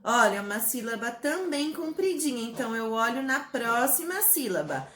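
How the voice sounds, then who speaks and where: A woman teaching a spelling lesson to young children in a slow, sing-song way, with a Brazilian Portuguese accent. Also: a little high, sing-song, a bit bright. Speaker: primary school teacher. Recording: echoey room.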